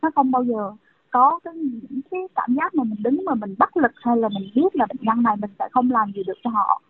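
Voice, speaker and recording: A woman's voice: fairly high pitch, a little fast, slightly rough. A young woman doctor in her thirties, speaking by phone in an earnest, conversational way with frequent fillers. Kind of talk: phone interview. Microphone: telephone. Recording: tinny dry phone line.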